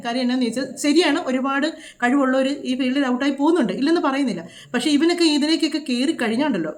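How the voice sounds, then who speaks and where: Brief: woman vlogger, scolding reaction commentary, rapid-fire, pitched a bit high. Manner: scolding, indignant, rapid rhetorical questions.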